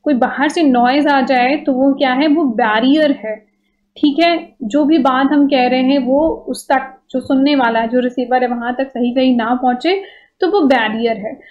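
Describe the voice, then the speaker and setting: Woman, high voice, conversational lecture, slightly muffled recording. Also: a little slow. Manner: conversational, checks in with "ठीक है" often. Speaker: exam-prep teacher. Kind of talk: explanatory online lecture.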